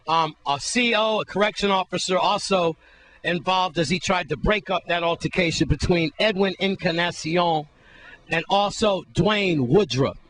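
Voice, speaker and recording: High-voiced emphatic news reporter. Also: male voice, fairly bright tone, low-quality recording. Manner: emphatic, repeats key words, asks viewers to remember. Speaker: field reporter. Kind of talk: local TV news field report.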